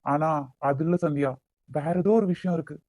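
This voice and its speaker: A man voicing a troubled young man in an animated story. He speaks with a Nagercoil Tamil accent and talks in a blunt, stern way. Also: moderate pace, no room sound. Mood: despairing. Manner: blunt, stern, then low and despairing. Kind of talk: cartoon voice acting.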